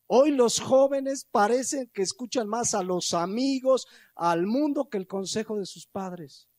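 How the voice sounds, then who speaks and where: A middle-aged man preaching a sermon in a Mexican Spanish accent, animated, acting out little everyday scenes and slowing down to stretch key words. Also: sits high, dry recording. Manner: animated, acts out little scenes with quoted voices. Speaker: pastor.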